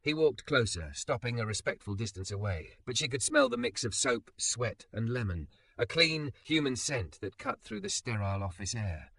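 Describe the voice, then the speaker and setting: A man narrating a story in a scripted, expressive reading. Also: medium pitch, moderate pace, vocal fry, hardly any pauses.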